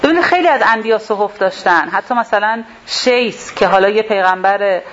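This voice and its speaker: A woman's voice: mid-range voice, animated, fairly bright tone. A woman leading a religious class, explaining a verse step by step and rephrasing its terms. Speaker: Quran teacher. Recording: dull lo-fi sound with faint hiss.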